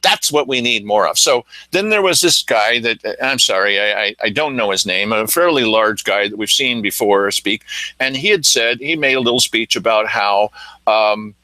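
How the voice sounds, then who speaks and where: A man hosting a local news talk show, telling his stories in an animated way. His pitch swings widely. The sound is dry and close. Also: normal speed, no room sound, rough recording. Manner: animated storytelling, acting out quotes. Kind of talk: casual commentary chat.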